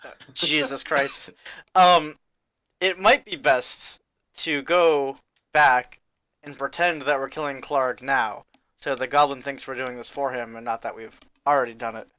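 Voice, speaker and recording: A man's voice: medium pitch, steady tone, measured pace, bright, forceful tone, clean tone, no echo. A man playing a tabletop game, pushing the group along with casual, laughing banter. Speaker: player.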